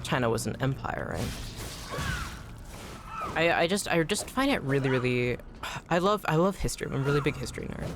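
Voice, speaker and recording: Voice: medium pitch, animated, a little fast, long pauses. Game streamer just chatting and rambling, says really really a lot, noisy mix behind. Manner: rambling, chatty, repeats words for emphasis. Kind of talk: casual chat while gaming.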